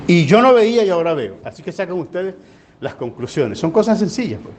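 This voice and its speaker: A high-voiced male pastor teaching a church class in a folksy, storytelling way. He fires rhetorical questions at the congregation, and the live church recording has a faint hum of background noise. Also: sing-song, brisk, a little mellow. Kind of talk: sermon teaching.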